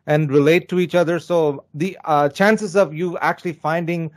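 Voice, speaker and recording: A man's voice: fairly high pitch, steady tone, moderate pace. A man in his thirties interviewing over a video call with a headset, casual and agreeable, often affirming. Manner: agreeable, frequent backchannel affirmations.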